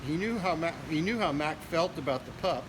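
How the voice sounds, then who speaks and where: Over noisy outdoor sounds of passing vehicles, a volunteer reader works through a novel in audiobook fashion. He has an expressive, somewhat high voice, reads fairly quickly, and occasionally trips over words.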